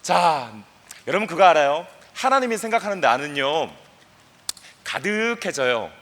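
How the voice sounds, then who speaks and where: Brief: young male guest speaker, fairly high voice, very animated, playful youth-camp talk. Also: measured pace. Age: young adult. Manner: playful, acts out quoted voices, leads the crowd in chants.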